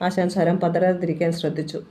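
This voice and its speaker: A woman narrates a crime thriller in a low, mellow voice. Her reading is dramatic, and she lifts her voice at the story's tense moments. The delivery is steady and scripted. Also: brisk. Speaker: novel reader.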